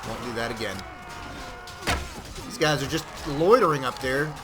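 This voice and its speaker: A man giving casual, profane, rambling commentary while he plays a game, now and then bursting into shouts. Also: mid-range voice, animated, normal speed. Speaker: gameplay commentator. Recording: loud game music behind the voice.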